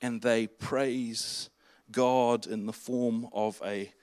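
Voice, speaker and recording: A male pastor preaches in a conversational, halting way, often restarting his phrases. His voice sits at an ordinary middle pitch. The recording is dry, with little room sound. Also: steady tone, darkish tone, dry recording. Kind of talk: sermon.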